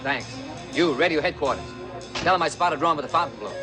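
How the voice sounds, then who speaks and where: Film homicide lieutenant played by a male actor: brusque man, rapid, highish voice, commanding, loud music behind. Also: lightly acted. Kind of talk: film dialogue.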